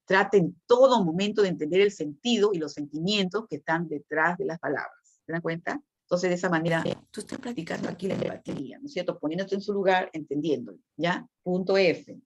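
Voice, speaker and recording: A woman's voice: on the low side, brisk, few pauses. A woman teaching a nursing class in a conversational lecture style, often checking in with her students through short tag questions. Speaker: nursing instructor. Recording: dull lo-fi recording.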